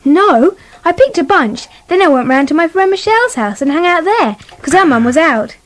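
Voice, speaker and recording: A woman's voice: very high voice, sing-song, normal speed. A British woman playing a prim, cheeky little girl in a comic radio play, with stagey sweetness. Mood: chatty.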